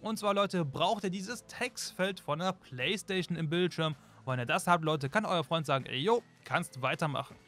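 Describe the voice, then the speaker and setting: A man's voice: sits high, normal speed, hardly any pauses, fairly bright tone. A young man narrating a game tutorial in a chatty way, constantly addressing his viewers. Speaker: gaming YouTuber. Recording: faint music behind.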